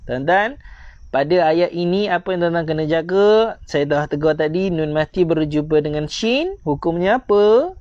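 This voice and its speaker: A man with a Malaysian accent teaching Quran recitation online, correcting mistakes and repeating slow, drawn-out examples. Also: a little high, expressive, a little mellow, dry recording, muffled recording.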